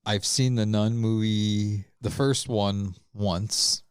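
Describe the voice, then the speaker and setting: A man's voice: lowish voice, steady tone, slow, smooth, no room sound, studio quality. A man co-hosting a podcast in casual chat, hesitant and rambling as he searches for words. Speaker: podcast co-host.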